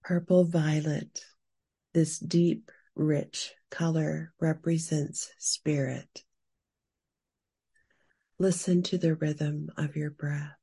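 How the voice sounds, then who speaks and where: Slow, soft breathy woman guiding meditation, hushed. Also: low-pitched, little pitch movement. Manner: hushed, soothing spa-like delivery, unhurried. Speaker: guided meditation leader. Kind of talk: slow scripted narration and guided meditation.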